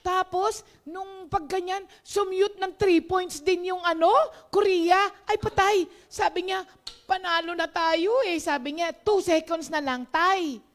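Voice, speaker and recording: A woman's voice: very high-pitched, unhurried. A Filipino woman preaching in a casual, chatty devotional talk, laughing often and mixing English phrases in.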